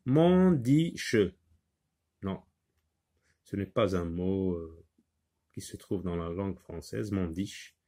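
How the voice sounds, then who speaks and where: A man's voice: low voice, steady tone, takes it slowly, pauses often, darkish tone. A man teaching a reading and handwriting lesson, patiently talking the class through each step.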